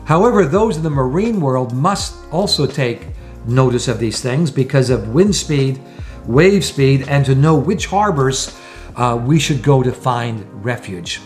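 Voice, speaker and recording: A man's voice: mid-range voice, lively intonation, unhurried, faint music behind. A man in his sixties talking to camera from a small room at home, explaining things earnestly point by point as a sailing vlogger. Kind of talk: to-camera vlog talk.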